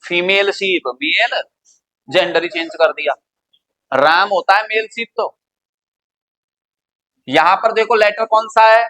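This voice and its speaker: A man's voice: sits high, takes it slowly, long pauses, sharp tone, poor audio. A man from India teaching English grammar in a classroom lecture, quizzing his students with repeated questions.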